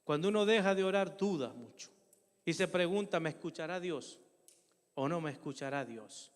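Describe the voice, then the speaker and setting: An older pastor preaches with a high voice, his words ringing through a reverberant church hall. He tells a personal story earnestly and with feeling, turning again and again to his congregation as brothers. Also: lively intonation, moderate pace. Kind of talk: sermon with personal testimony.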